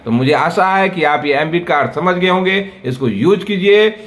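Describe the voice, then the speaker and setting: A man's voice: a little high, animated, moderate pace, fairly bright tone. A man teaching English vocabulary in Hindi, explaining each word patiently with everyday examples. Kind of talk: bilingual vocabulary lesson.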